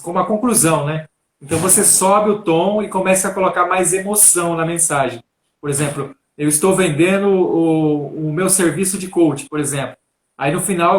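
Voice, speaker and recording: A Brazilian man, a coach, calmly explaining public speaking on a live stream and often tagging his sentences with a question. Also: high-pitched, roomy sound. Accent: Brazilian Portuguese. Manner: calm, instructive, repeats "né?".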